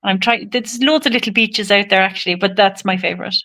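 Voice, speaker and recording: A woman's voice: medium pitch, fairly quick, pushed and bright. A woman with a Cork Irish accent chatting casually as a guest in an interview. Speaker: podcast guest on men's health.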